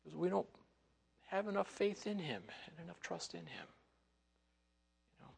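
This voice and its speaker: Gravelly folksy male preacher. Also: sits high, very animated, moderate pace. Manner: conversational, folksy, many "you know" fillers. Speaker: pastor. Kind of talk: expository sermon.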